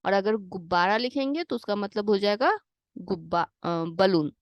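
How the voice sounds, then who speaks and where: A woman's voice: medium pitch, moderate pace, dry recording, highs cut off. A woman teaching a children's Hindi lesson over a worksheet, patiently asking questions and answering them herself, with English glosses mixed in. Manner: mixes English glosses into her explanations.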